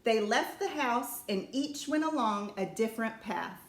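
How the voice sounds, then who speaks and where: A woman reading a children's story aloud in a slow, even storytelling manner. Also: on the high side, roomy sound, a little hiss or hum.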